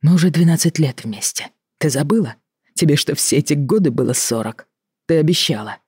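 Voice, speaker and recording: Reader as a weary middle-aged doctor at the end of his rope; reproachful, husky, dry. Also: medium pitch, expressive, a little mellow, dry recording. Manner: tired, reproachful, measured. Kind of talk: audiobook reading.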